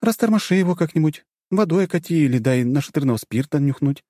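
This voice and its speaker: A man doing a brisk, scheming young woman. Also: on the high side, lively intonation, warm tone, dry recording, clean studio sound, pitched above the performer's own voice.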